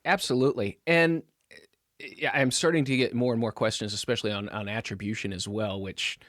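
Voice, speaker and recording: A man's voice: medium pitch, fairly even intonation, fairly quick, fairly bright tone, dry recording, studio quality. A man hosting a podcast, chatty and enthusiastic, laughing easily and using many fillers. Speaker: podcast host. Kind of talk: casual conversation.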